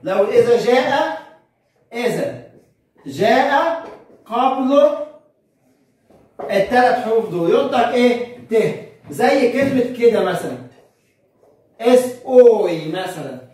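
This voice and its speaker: High-voiced Egyptian man, echoing from afar. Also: very animated, darkish tone. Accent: Egyptian Arabic. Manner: asks questions and answers them himself; spells words out slowly, syllable by syllable. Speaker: monk priest teaching Coptic. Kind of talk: beginner language lesson. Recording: very echoey room, far from the mic.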